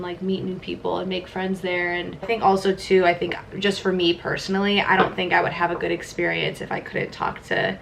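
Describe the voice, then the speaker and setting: Chatty young woman with vocal fry. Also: lowish voice, a bit bright, slight background noise. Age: 20s. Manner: chatty, many "like" fillers. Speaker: vlogger. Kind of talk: casual vlog chat during a makeup routine.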